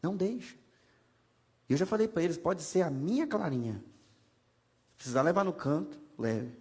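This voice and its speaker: Brazilian pastor guy preaching, chatty and jokey, lots of questions to the crowd, high voice, long church echo. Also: lively intonation, normal speed, a little mellow, husky. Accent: Brazilian Portuguese. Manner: conversational, humorous preaching with rhetorical questions. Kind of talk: sermon. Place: church sanctuary. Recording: long hall reverb from a church.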